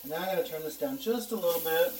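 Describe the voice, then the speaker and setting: Echoey, higher-voiced man hosting a cooking vlog. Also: lively intonation, fast, background noise. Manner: chatty, folksy, addresses viewers directly. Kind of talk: casual taste-test and cooking demonstration. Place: indoors in a kitchen. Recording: roomy echo, distant microphone.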